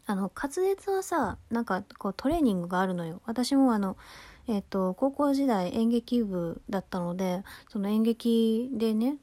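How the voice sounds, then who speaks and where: A woman's voice: a little high, lively intonation, moderate pace, dark tone, dry recording. A young woman hosting her own podcast, chatting casually, rambling, laughing often and poking fun at herself. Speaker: podcast host. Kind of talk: casual solo chat.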